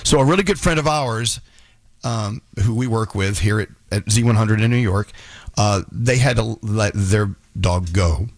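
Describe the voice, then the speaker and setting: Male radio host, low gravelly voice, dry close studio mic, halting heartfelt chat. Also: no room sound. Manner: emotional, halting, many restarts. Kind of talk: casual morning radio chat. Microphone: studio microphone.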